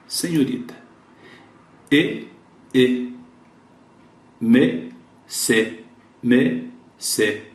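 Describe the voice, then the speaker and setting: Slow, lively-voiced male English teacher. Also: lowish voice, echoey room. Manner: slow, deliberate, repeats English words for pronunciation. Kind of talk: English lesson in Portuguese, reading and explaining sentences.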